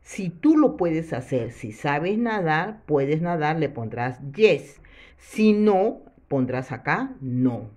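A woman's voice: deep voice, big pitch swings, takes it slowly, a little mellow. A woman teacher, possibly, patiently walking children through English words and repeating each one with its meaning. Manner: repeats each word then translates it. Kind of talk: slow, patient classroom instruction. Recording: muffled lo-fi recording.

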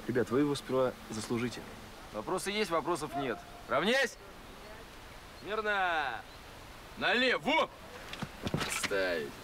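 A young man playing a brisk, sardonic Red Army captain in a war drama, barking clipped commands. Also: mid-range voice, sing-song, background noise, natural voice. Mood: commanding. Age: young adult. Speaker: army officer drilling soldiers. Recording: music over outdoor film dialogue.

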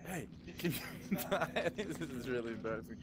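A man giving excitable, joking, sweary live commentary while streaming virtual-reality gameplay in a room. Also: medium pitch, normal speed, a loud crowd. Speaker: gamer streaming VR play. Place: indoor room, standing in VR headset.

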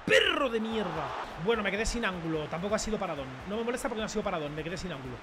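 A man giving excitable gameplay commentary from his bedroom at home, with loud outbursts, swearing and repeated catchphrases. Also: high-pitched, very fast, over music. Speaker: gaming streamer.

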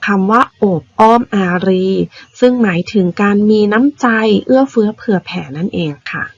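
A woman primary school teacher patiently explaining vocabulary words to young children, spelling them out slowly. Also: mid-range voice, no room sound, muffled recording. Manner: patient, spells words out slowly, ends phrases with polite particles.

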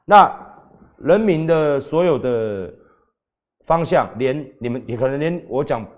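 A man's voice: medium pitch, expressive, a little slow. A man, hosting a talk show and earnestly laying out his own position. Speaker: host.

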